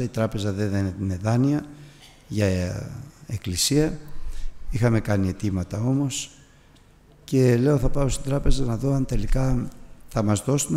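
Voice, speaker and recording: A man preaching a sermon in a church, telling a personal story as a lively storyteller and putting questions to the congregation. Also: fairly low pitch. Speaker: pastor. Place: church hall. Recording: long reverb of a church hall.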